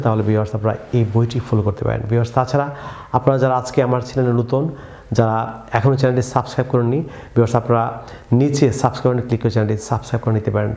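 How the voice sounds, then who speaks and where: A man's voice: medium pitch, mellow. A man teaching English pronunciation in a YouTube tutorial, often calling out to viewers and leading repetition drills. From Bangladesh. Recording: echoey room, faint ambient noise.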